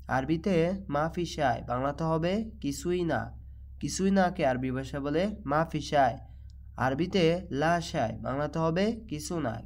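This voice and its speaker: A man with a Bangladeshi Bengali accent teaching a language lesson, repeating each phrase slowly and deliberately. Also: a little high. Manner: slow, repetitive drilling of phrases. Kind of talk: slow spoken language lesson.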